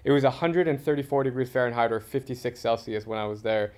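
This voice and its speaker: Male host, average pitch, enthusiastic and emphatic, conversational interviewer. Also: fast, a little mellow. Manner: enthusiastic, emphatic travel talk. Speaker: podcast host.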